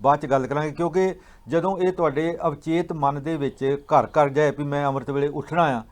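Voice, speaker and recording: A man explaining religious teachings in a patient, teaching manner, slowing down to recite verses. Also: on the high side, steady tone. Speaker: guest speaker on Sikh scripture.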